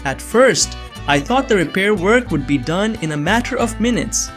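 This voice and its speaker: With soft music in the background, a young man voices a baffled innocent framed as an assassin, telling his own story in scripted first-person narration mixed with dialogue. His high, slightly bright voice has lively intonation and a moderate pace.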